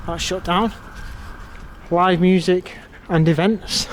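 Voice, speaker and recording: A man's voice: high-pitched, steady tone, takes it slowly, a little hiss or hum. An English man vlogging as he walks a town's streets and pubs, giving a blunt, sweary, wry running commentary. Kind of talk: casual walking vlog. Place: outdoors on town streets at night, then inside a pub.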